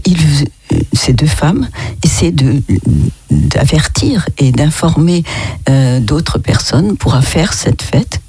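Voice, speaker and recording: A radio host interviewing a guest, asking measured questions and summarizing the answers. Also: mid-range voice, warm tone, slightly rough, dry recording.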